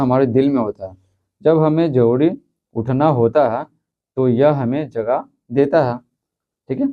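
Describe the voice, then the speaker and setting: A man teaching a school lesson, reading textbook questions and answers, then repeating them slowly with frequent check-ins. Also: medium pitch. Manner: repeats answers, fills with "theek hai". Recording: slightly dull lo-fi recording.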